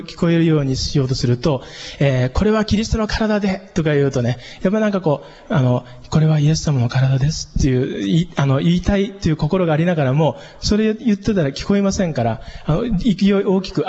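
Husky Japanese man teaching singing. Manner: chatty, many fillers, animated shifts in pitch. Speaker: church pastor teaching singers. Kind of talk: casual spoken lesson. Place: church hall. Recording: dull lo-fi sound with long reverb.

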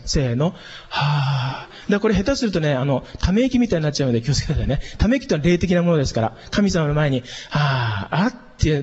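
Male voice coach, breathy and fairly high, calm instructive delivery, dull lo-fi recording. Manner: calm, instructive, demonstrates relaxed breathy exhalations. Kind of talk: spoken vocal training lesson with demonstrations. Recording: long reverb, dull lo-fi sound.

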